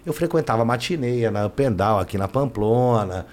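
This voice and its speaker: A man's voice: mid-range voice, animated, moderate pace, a little mellow, a little hiss or hum. A man, a guest telling his life story in casual, slangy talk that leans on "né" and "cara". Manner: slangy, keeps adding "né" and "cara". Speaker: interview guest.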